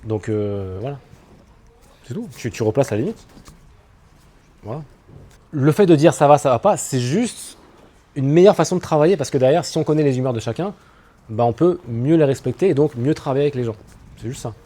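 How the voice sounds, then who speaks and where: A man coaching an audience on public speaking, talking in a lively, animated way with spoken asides. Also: mid-range voice, a little fast, pauses often. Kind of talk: talk to an audience on stage. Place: room with an audience.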